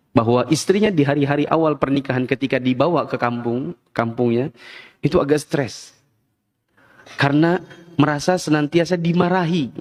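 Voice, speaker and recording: A man preaching a sermon, telling lively stories and acting out family members yelling at each other. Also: mid-range voice. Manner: animated storytelling, acts out family members yelling. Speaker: Islamic preacher.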